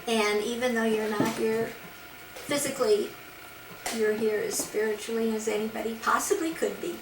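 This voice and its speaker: A rambling, affectionate woman talking at home, her voice sitting slightly high and picked up from across the room by a camcorder's built-in mic. The old VHS tape adds heavy hiss and a strong echo. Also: fairly even intonation, moderate pace, creaky, far from the mic. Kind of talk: casual family chat. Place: family home indoors. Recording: hissy echoey camcorder sound from across the room.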